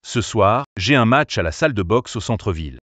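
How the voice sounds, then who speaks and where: An actor dubbing a protective older brother in a drama series, brisk and matter-of-fact. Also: male voice, on the low side, expressive, fairly bright tone, no room sound. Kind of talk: French dub of a drama series.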